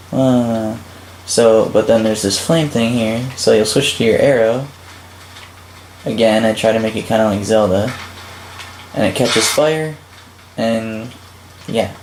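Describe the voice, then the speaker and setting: A man casually narrating a gameplay walkthrough of a level he built, rambling with frequent fillers. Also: lowish voice. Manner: relaxed, rambling, many "um"s and "like"s. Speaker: game creator and channel host. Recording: roomy with faint background noise.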